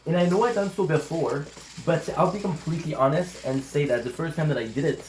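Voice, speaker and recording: A French-speaking channel host from Montreal, Canada rambles through a casual vlog in a fairly quick, high-leaning voice with a darkish tone. He stammers into restarts and swears casually. The recording is rough, with slight background noise.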